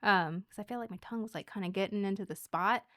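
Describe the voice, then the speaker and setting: A woman who works as a dental hygienist, a podcast guest telling personal stories in an animated, laughing way. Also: mid-range voice, fast. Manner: animated storyteller, laughs often. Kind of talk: casual podcast conversation.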